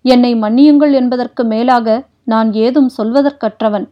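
A woman's voice: a little high, steady tone, muffled recording, lightly acted. A woman voicing a grave, towering old warrior-prince. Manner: grave, measured, formal. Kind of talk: audiobook character reading.

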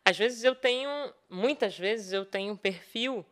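A woman speaking as a sales expert in a casual podcast chat, animated and playing out quoted people as she talks. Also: medium pitch, unhurried. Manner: animated, acts out quoted speech in other voices. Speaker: neurosales specialist, podcast guest.

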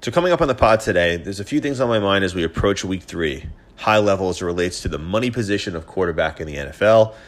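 A man's voice: low voice, lively intonation, fast, hardly any pauses. Congested, pinched-nose male podcast host. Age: 30s. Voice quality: congested, pinched-nose nasal sound from a cold. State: stuffy with a head cold, slightly scratchy throat. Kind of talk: solo podcast monologue, opinion and sports commentary.

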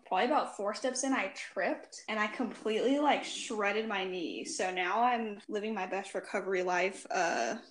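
Relaxed young woman in an echoey room. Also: medium pitch. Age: young adult. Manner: relaxed, self-mocking, laughs often. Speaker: co-host. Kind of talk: casual chat.

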